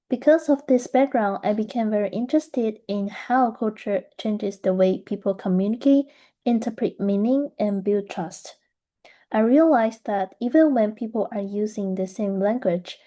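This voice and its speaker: A young adult woman from Taiwan talks through her research journey in a steady, earnest presentation. Her voice is soft and mellow with a mid-range pitch. She sounds thoughtful and reflective throughout. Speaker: graduate student presenter. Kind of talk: scripted presentation.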